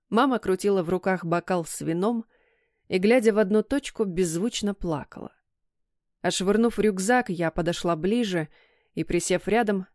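A woman reads a first-person novel aloud with expressive storytelling. Her voice sits at an ordinary middle pitch for a woman. The recording is dry and close, with no room reverb. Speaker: audiobook narrator. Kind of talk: first-person audiobook narration.

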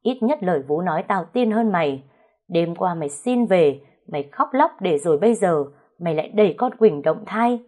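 A woman voicing a harsh old male family patriarch who scolds slowly and threateningly. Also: sits high, lively intonation, dark tone.

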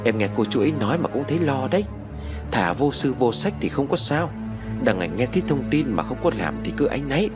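A man's voice: mid-range voice, sing-song, fairly quick, music in the background, voice pushed up, natural voice. A man voicing an anxious, touchy middle-aged mother whose voice rises when she worries. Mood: fretful.

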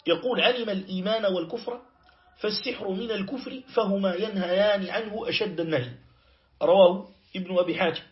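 A man teaching a Quran commentary lesson, reciting verses slowly and checking that his students follow. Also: high-pitched, muffled recording. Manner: explains slowly, quotes verses and checks with "clear?". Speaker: Islamic teacher. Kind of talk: tafsir lesson.

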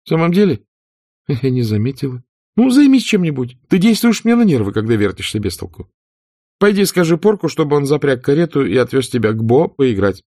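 A high, raised voice of an impatient young Southern lady, put on by a man reading an audiobook. She scolds and snaps, exasperated. The recording is dry and close. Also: very animated, brisk, mellow, no room sound. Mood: irritated. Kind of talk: audiobook character voice.

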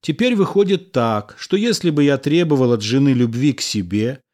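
A man reading the part of a calm husband who reasons things out with patient irony. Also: medium pitch, normal speed, close to an everyday voice. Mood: wry. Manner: ironic, patient, lecturing. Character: calm, wry, reasoning middle-aged husband engineer. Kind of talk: audiobook character reading.

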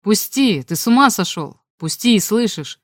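A woman reading an audiobook, voicing a sharp-tongued teenage girl who shouts scornful outbursts. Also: fairly high pitch, big pitch swings, normal speed, dry recording, studio quality, pitched above the performer's own voice. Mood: indignant. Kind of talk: audiobook character voice.

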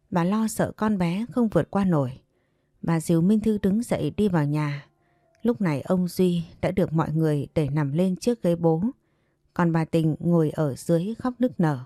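Low mellow woman storyteller. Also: no echo, studio quality. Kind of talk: scripted story narration.

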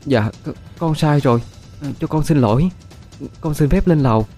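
A man's voice: on the high side, normal speed, warm tone, soft background music, pitched above the performer's own voice, natural voice. A man voicing a timid, anxious young daughter-in-law, who pleads and stammers. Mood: submissive.

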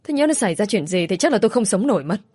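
A woman voicing a shrill, scolding older mother-in-law who shouts at her family. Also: sing-song, racing, breathy edge, no room sound, clean studio sound.

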